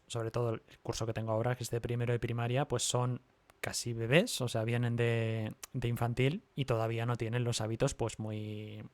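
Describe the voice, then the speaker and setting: A male primary school teacher, calmly reasoning through his point in a livestream conversation. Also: medium pitch, dry recording. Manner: calm, reasoned explaining with animated quoted voices.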